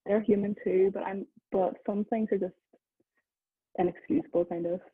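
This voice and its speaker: A young female student with a medium-pitched, steady voice talks at normal speed in a casual discussion. She rambles, using lots of "like," and the dry recording sounds phone-like and husky.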